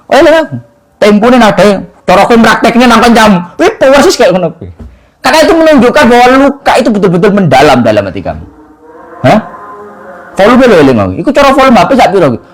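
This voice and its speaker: A man with an East Javanese accent teaching a religious study class in a somewhat high voice. His pitch swings a lot as he talks. He recites Arabic lines and keeps turning to his listeners. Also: low-quality recording. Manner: animated, mixes Javanese and Indonesian, recites Arabic; keeps addressing listeners with "Pak".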